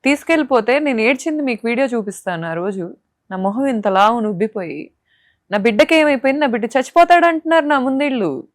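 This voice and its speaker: A woman's voice: on the high side, expressive, fast talker, no room sound, studio quality. A young woman, an interview guest speaking with impassioned indignation and pointed rhetorical questions. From Andhra Pradesh, India. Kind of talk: emotional interview testimony.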